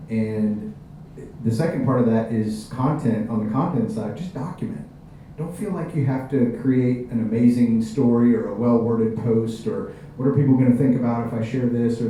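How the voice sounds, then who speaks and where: Dark, mellow-voiced man in an echoey room. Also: mid-range voice. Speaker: panelist. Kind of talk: panel discussion, encouraging advice to an audience. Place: panel event room with an audience. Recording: very echoey room, distant mic, faint noise.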